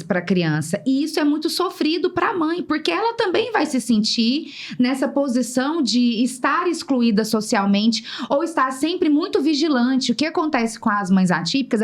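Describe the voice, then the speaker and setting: Measured Brazilian woman pediatrician host. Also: fairly high pitch. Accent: Brazilian Portuguese. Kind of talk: podcast conversation.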